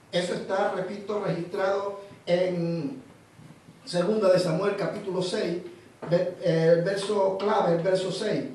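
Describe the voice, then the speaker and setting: High-voiced Panamanian preacher in a hall. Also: male voice, recorded from a distance, a little hiss or hum. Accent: Panamanian Spanish. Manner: animated storytelling, repeats words, acts out voices. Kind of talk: sermon.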